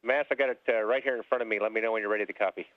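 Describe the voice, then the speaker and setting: A man speaking as a mission control capcom over a space-to-ground radio link, relaxed and polite with precise number calls. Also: lowish voice, racing. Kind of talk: terse air-to-ground radio exchange. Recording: narrow dry radio loop.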